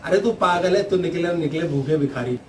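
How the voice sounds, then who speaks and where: A man's voice: on the high side, normal speed, recorded from a distance, a little hiss or hum, close to an everyday voice. A man voicing a scornful young woman who mocks and insults a passer-by. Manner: sneering, insulting.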